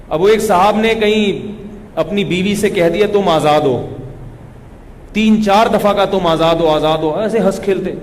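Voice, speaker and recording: A man's voice: high-pitched, long reverb tail, a little hiss or hum. A man giving a religious lecture in a conversational, joking storytelling way. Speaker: Islamic scholar giving a talk.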